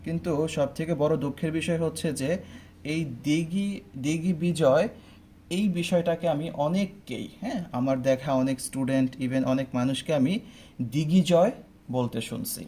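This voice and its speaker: A man's voice: on the high side, brisk, few pauses, mellow, slight background noise. A young man teaching pronunciation rules step by step, often checking in with his students. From Bangladesh. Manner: explains step by step, often asking "ঠিক আছে?". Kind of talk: online admission-test pronunciation lesson.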